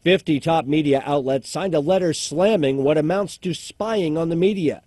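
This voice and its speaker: Higher-pitched, mellow male news reporter. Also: moderate pace, no room sound, clean studio sound. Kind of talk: scripted news report narration.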